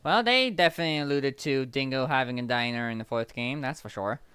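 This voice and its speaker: A man's voice: medium pitch, a little fast, bright, forceful tone, soft background music. A man giving casual gameplay commentary as a streamer, chatty and self-correcting as he reacts to play.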